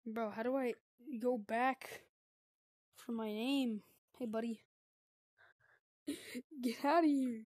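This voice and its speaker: A woman's voice: a little high, fairly even intonation, slow, pauses often, darkish tone, no room sound, clean studio sound. A woman giving upbeat, slangy commentary while trying out a new game for her channel, talking into a headset mic. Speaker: gaming video creator. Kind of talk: casual gameplay commentary.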